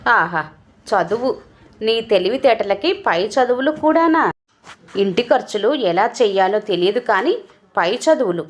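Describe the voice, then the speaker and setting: A woman's voice: medium pitch, expressive, unhurried, close to an everyday voice. A woman voicing an angry, scornful husband who scolds and mocks his wife. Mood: mocking. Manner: scolding, mocking.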